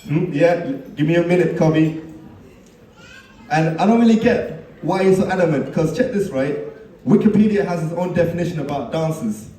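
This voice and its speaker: A man delivers a wedding best man's speech, teasing the groom with stories and chuckling at his own jokes. His voice is mellow and a touch high, heard from a distance in an echoey reception hall. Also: moderate pace.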